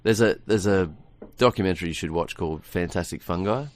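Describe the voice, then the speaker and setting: A man's voice: low voice, fairly quick. A middle-aged man, a radio guest, talking in a rambling, casual way with many restarts and frequent laughs, in a studio.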